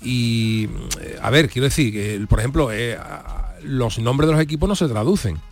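A man's voice: medium pitch, expressive, normal speed, soft background music. A man with an Andalusian Spanish accent hosting a casual radio talk show, explaining points at length. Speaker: radio host.

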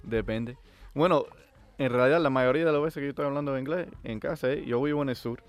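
A man in his twenties from the United States, a guest chatting casually, relaxed, with small slips in his Spanish. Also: medium pitch, fast talker. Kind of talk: casual chat.

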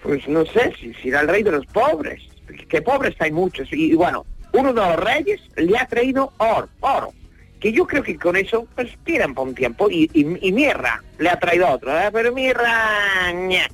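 An actor playing an earthy, flustered Catalan peasant in a radio comedy sketch, rambling and stammering apologetically. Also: male voice, high-pitched, big pitch swings, moderate pace, a bit bright, no echo, soft background music, heavily acted. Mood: earnest, muddled.

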